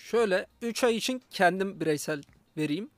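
Very fast-talking man, jokey radio guest. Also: high voice, expressive, no echo. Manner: self-deprecating, jokey. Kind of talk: casual chat. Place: radio broadcast.

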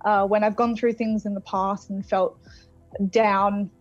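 A woman's voice: mid-range voice, flat delivery, unhurried, soft background music. A woman with an Australian accent chatting casually and reflectively as a singer being interviewed over a video call. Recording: phone-like thin sound of video call.

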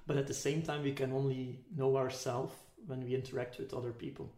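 Fairly quick and mellow, this man's mid-range voice shows little pitch movement as he thinks aloud. He's a podcast guest in a casual reflective conversation, tentative and philosophical and searching for words, recorded with an echoey, roomy sound.

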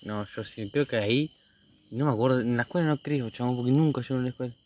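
A man's voice: medium pitch, fast, a little mellow, a little hiss or hum. A young man with an Argentine accent, co-hosting a casual podcast chat with a friend, laid-back and full of slang. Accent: Argentine Spanish. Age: young adult. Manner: slangy, laid-back, peppers speech with "chabón". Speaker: podcast co-host.

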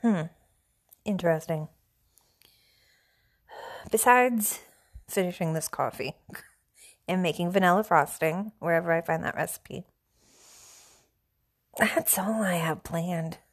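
A woman with a slightly low voice hosts a casual solo podcast, rambling along in a self-deprecating way. She sounds stuffy and a little hoarse. She is from the central United States. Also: slow pace, pauses often. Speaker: podcast host.

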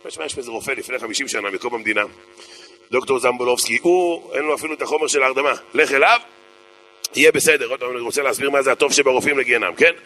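A man's voice: medium pitch, bright, forceful tone. A man, a rabbi, preaching with humor: telling jokes and anecdotes, repeating key phrases for emphasis. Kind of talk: humorous sermon.

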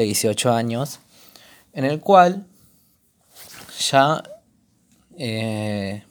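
A young man with a Rioplatense Spanish accent hosting a solo podcast, chatting casually and rambling as if talking to a friend. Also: mid-range voice. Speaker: podcast host.

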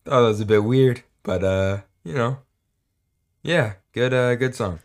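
A man's voice: mid-range voice, a little slow. A man co-hosting a casual music podcast, talking in a rambling, hesitant, jokey way with many fillers. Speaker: podcast co-host. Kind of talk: casual chat.

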